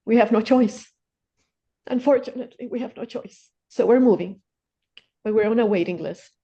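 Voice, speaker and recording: A woman's voice: on the high side, moderate pace, warm tone, highs cut off. An older woman speaking at a court hearing as the defendant's wife, earnest and repetitive, with stammering restarts.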